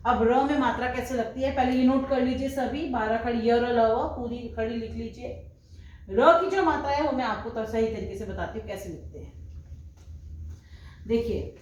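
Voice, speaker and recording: A woman's voice: fairly high pitch, normal speed, darkish tone. A woman teaching the Hindi alphabet, reciting syllables one at a time and patiently explaining how to write them. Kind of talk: slow recited alphabet lesson. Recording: very echoey room, faint background hum.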